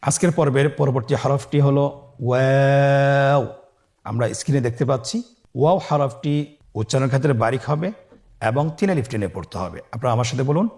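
In a recorded Quran lesson, a Bangladeshi man patiently instructs, drawing out every letter name loudly so learners can echo him. His voice sits in the mid range.

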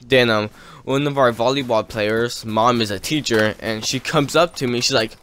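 A man's voice: medium pitch, moderate pace, a bit bright, slight background noise. A teenage boy from California tells a rambling story over gameplay, full of "like" fillers and trailing off. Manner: rambling, filler-heavy, laughs between lines. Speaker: gaming YouTuber.

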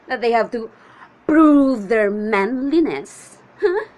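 In a comedic monologue, a woman plays a needy, chatty character waiting on a suitor, full of theatrical exasperation and drawn-out questions. Her voice sits high and the delivery is heavily acted.

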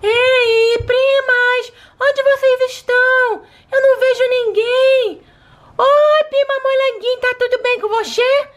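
A woman voicing a cheeky, scheming baby doll girl in a toy play video, in a high childlike voice. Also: steady tone, takes it slowly.

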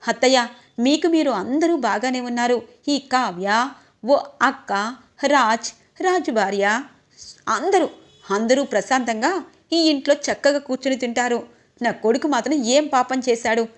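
A woman's voice: high voice, lively intonation, a little slow. A woman reading the lines of an angry mother who insists on her son's share, in an emotional, insistent tone. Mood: indignant.

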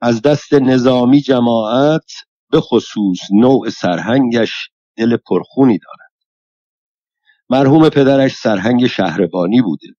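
A man narrating an audiobook in an even, measured first-person storytelling reading. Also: on the low side, dry recording. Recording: dull, lo-fi dry recording.

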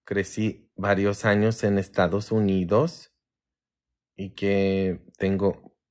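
A man from Poland with a Polish accent, a priest chatting casually with viewers on a livestream in a tired, low-key way. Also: little pitch movement, takes it slowly.

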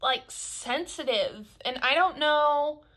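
A woman's voice: high voice, lively intonation, takes it slowly, fairly bright tone. A young woman vlogger chatting casually to camera, her speech a little altered by braces and a palate expander, rambling with lots of fillers.

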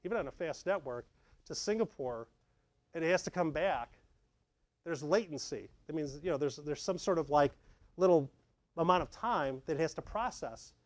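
At a moderate pace and fairly high pitch, a lively middle-aged man presents a tech talk with slides at a meetup, conversational and acting out his examples. The recording, made in a dark meeting room with a projector, has no echo.

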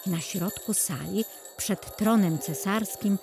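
A woman narrating a children's fairy tale at a medium pitch, calm and even-paced. Faint music plays beneath her reading. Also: takes it slowly, gravelly.

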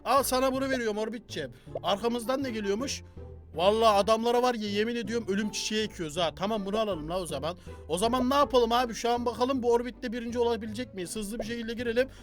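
A young man doing loud, joking gameplay commentary and talking back to the game characters as he plays. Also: very high-pitched, rapid-fire, faint music behind. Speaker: gaming YouTuber.

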